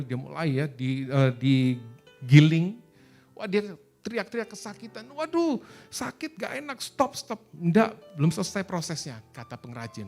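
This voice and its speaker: A male pastor with an Indonesian accent preaches in an earnest, exhorting way. His pitch sits in the middle of the range. Faint music plays behind his voice. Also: warm tone. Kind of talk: sermon.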